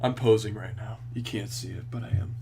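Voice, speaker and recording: A man's voice: fairly low pitch, steady tone, a little fast, dark tone, slight background noise. Theatrical, goofy man playing a game. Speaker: gaming video host. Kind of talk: playful visual novel let's play commentary.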